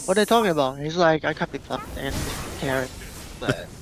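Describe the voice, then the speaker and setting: A man with a somewhat high voice, heard through a headset microphone in a voice chat from his home connection. He talks in a laid-back, plain-spoken way, and a faint hiss sits under his voice. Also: lively intonation, a little fast. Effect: headset mic over a phone hotspot in voice chat. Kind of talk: casual voice-chat talk.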